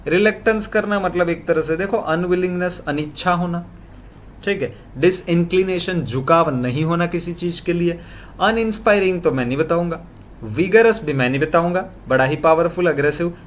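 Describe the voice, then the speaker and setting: A man teaching English vocabulary in a brisk Hinglish lesson, reeling off quick lists of synonyms. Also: on the high side, slight background noise.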